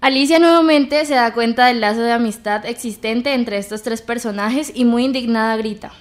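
A woman narrating an audio story in a measured, dramatic reading style. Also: fairly high pitch.

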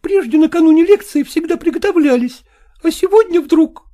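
A man's voice: extremely high pitch, animated, normal speed, warm tone, voice pushed up. A man voicing a jealous, tearful woman who presses her lover with reproachful questions, reading an audiobook.

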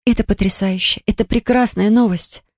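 A woman's voice: mid-range voice, steady tone, normal speed, a little mellow, no room sound, studio quality, pitched above the performer's own voice, close to an everyday voice. A woman reading the part of a curious young woman teasing and prying at a friend with eager questions. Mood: delighted.

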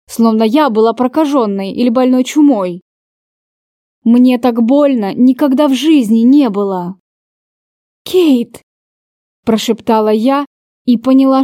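High-voiced woman narrating a novel. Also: mellow, no echo, clean studio sound. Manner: emotional, dramatic reading. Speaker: audiobook narrator. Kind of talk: first-person novel narration.

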